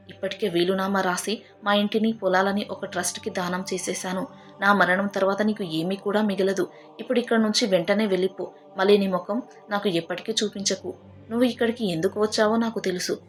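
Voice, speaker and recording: A woman's voice: mid-range voice, lightly acted. A woman reading a bitter old village father. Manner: reproachful, bitter. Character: grieving, stern elderly village father.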